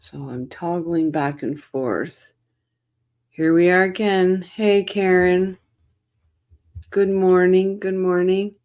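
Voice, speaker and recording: A woman's voice: lowish voice, fairly even intonation, takes it slowly, pauses often, a little mellow. A woman hosting a casual livestream, greeting chat viewers by name with a tired morning voice. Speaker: livestream host.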